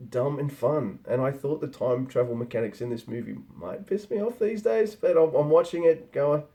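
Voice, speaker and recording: A man's voice: medium pitch, vocal fry, warm tone. A man giving a casual spoken film review, rambling and conversational, with frequent restarts.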